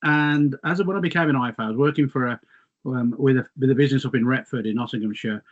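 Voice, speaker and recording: Reminiscing as a guest in casual chat, an English man in middle age wanders off on tangents and pokes fun at himself. His medium-pitched voice is a bit worn and quick, and the audio has its high frequencies cut off.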